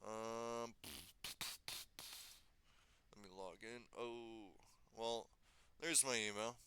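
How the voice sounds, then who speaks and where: A man giving a casual screen-recorded software tutorial, thinking aloud and correcting himself as he goes, slightly losing his voice. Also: mid-range voice, steady tone, very slow, a little hiss or hum. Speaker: tutorial maker.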